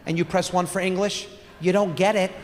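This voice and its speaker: A man's voice: sits high, fairly even intonation, brisk. A young man doing a brash, profane stand-up set on stage into a handheld mic. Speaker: stand-up comedian. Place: comedy stage in a theater. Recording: live hall reverb, faint crowd.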